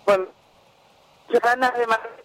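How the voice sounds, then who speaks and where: A woman's voice: fairly high pitch, monotone, measured pace. A woman calling a radio show from work. Her phone line keeps cutting out and sounds glitchy. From Andalusia, Spain. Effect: glitchy phone line that keeps breaking up. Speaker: radio caller. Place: at work, on a weak phone signal.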